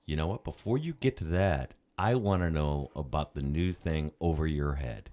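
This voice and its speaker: A man's voice: very deep voice, moderate pace, dark tone. A man bantering casually and wryly as a livestream producer. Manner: wry, joking. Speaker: producer handling the live chat.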